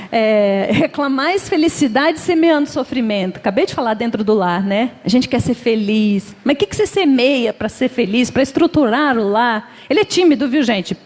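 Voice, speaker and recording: As a guest at a Spiritist center, a middle-aged Brazilian Portuguese-accented woman delivers a casual religious talk in a fairly high, darkish voice at a moderate pace. Her manner is conversational, full of laughter and small acted-out everyday exchanges. Long reverb fills the lecture hall recording.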